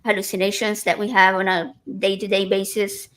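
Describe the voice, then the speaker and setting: A woman's voice: medium pitch, little pitch movement, fairly quick, fairly bright tone, poor audio. Chatty woman with many restarts. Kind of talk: casual conversation.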